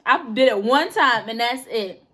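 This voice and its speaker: A young woman in casual chat, telling school stories in an animated way and acting out the people she quotes. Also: a little high, moderate pace, breathy edge. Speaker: storyteller.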